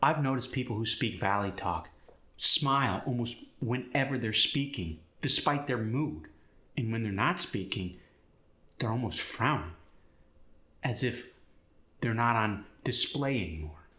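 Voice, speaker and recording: A man's voice: medium pitch, expressive, unhurried, sharp tone. A man giving scripted instruction as an accent teacher, explaining terms in short, plain definitions. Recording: roomy echo.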